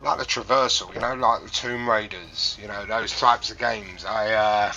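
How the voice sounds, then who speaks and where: A man's voice: on the low side, moderate pace, over music. A man calling into a livestream over a cheap, tinny microphone that sounds like a tin can, chatting casually and rambling with restarts and fillers. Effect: tinny cheap mic, like talking into a tin can, over a voice call. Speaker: livestream guest caller. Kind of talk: casual chat about video games.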